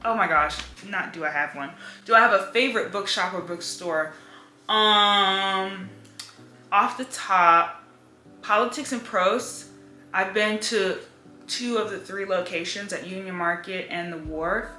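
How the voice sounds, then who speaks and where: A woman's voice: medium pitch, unhurried, bright, forceful tone. A young woman chatting casually about books in a home room, filling her talk with "like.". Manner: chatty, lots of "like" fillers. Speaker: book vlogger. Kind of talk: casual chat. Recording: echoey room with faint music.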